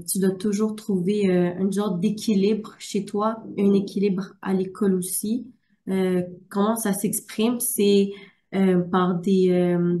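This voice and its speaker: A young woman from Quebec with a Québécois French accent, giving a personal testimony as a student guest in a webinar, halting with many filler sounds. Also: mid-range voice, dark tone. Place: primary school workplace, some noise.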